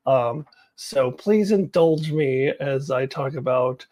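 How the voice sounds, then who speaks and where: A woman vlogger with a bass voice and dark tone speaks slowly, chatting casually to viewers about her opinions on TV news. She is candid and self-deprecating, often laughing as she talks.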